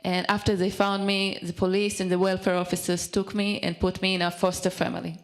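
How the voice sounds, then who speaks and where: A young woman from Israel gives a personal testimony in English, her second language after Hebrew. She speaks haltingly, pausing often with fillers and restarting words as she searches for them, in a voice of ordinary middle pitch. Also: level tone. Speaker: speaker at a community event.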